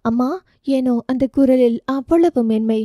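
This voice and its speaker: A woman's voice: fairly high pitch, moderate pace, mellow, dry recording, clean studio sound. A woman with a Tamil accent reading a romance audio novel aloud, with emotive storytelling.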